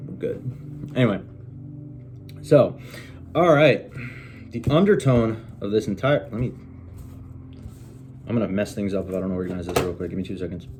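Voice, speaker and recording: A man's voice: fairly low pitch, normal speed, pauses often, noisy background. A man giving a casual tarot reading from a desk in his bedroom. He chats to viewers in a loose, rambling way, mutters to himself and swears when the cards won't cooperate. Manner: chatty, swears when frustrated, muttering asides. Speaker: tarot reader. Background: music playing on a TV.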